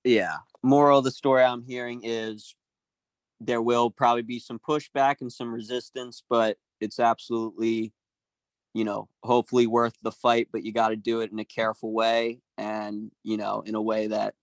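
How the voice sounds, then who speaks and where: A man's voice: mid-range voice, little pitch movement, normal speed, no echo, rough recording. A man moderating a community meeting, talking casually with many fillers and a friendly, hesitant manner.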